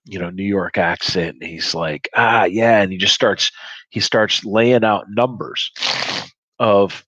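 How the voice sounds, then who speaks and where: A man's voice: low-pitched, flat delivery, a little slow, a bit bright, dry recording. A man in his forties telling a candid personal story in a blunt, reflective manner with frequent swearing. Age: 40s. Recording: dull, muffled sound.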